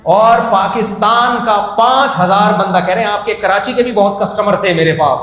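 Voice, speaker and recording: Brief: male preacher, somewhat high voice, joking storytelling sermon, echoey room. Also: a little hiss or hum. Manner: conversational, jokey, builds to animated emphasis. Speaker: Islamic preacher. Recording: roomy echo.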